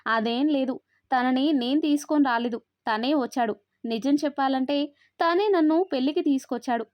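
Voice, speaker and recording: A woman's voice: sits high, moderate pace, no room sound, close to an everyday voice. A woman storyteller voicing a cheerful, frank young woman who talks in a chatty, direct way. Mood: friendly. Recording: dry, slightly dull recording.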